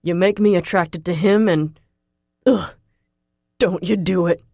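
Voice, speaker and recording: A woman's voice: lowish voice, slow, vocal fry, no room sound, clean studio sound, heavily acted. A woman voicing an anguished wounded young man. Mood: desperate. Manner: shouting, groaning in pain, desperate. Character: injured furious young man, Southern drawl.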